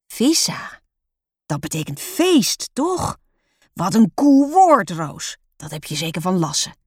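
A kind, mildly amused father with a gentle way of speaking, as a woman reads him. The voice stays near the reader's low, even tone. The recording is dry and close. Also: slow pace, slightly rough, dry recording, heavily acted.

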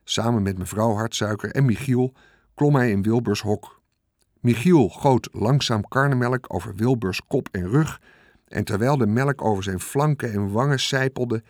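A man narrating a children's storybook in a calm, measured read-aloud style. His pitch sits in the middle range for a man. The recording is dry and close, with no room sound. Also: dry recording.

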